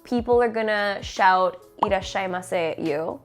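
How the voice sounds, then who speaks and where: A woman from Canada co-hosting a casual podcast chat, animated and giggly, full of fillers. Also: on the high side, normal speed, faint music behind. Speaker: podcast co-host. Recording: echoey room.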